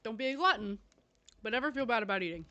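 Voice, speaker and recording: Hosting a livestream, a young woman chats with her viewers while eating, being playful and giggly and laughing a lot. She talks fast and animatedly in a high-ish, pushed, bright voice.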